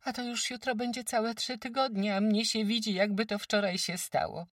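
A careworn peasant farm wife, brisk and emphatic, pouring out her grief in rustic speech, as a woman narrator plays her. Higher and louder than the husky narration, on a dry, slightly distant mic. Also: steady tone, dry recording, close to an everyday voice. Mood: lamenting. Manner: emphatic, lamenting rustic speech, loud outbursts. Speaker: farm housewife.

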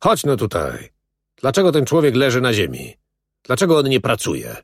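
A man voicing a gruff German camp foreman who barks clipped commands in broken Polish. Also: mid-range voice, sing-song, extremely slow, a bit bright, no echo, studio quality, voice pushed up, full character voice. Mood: barking.

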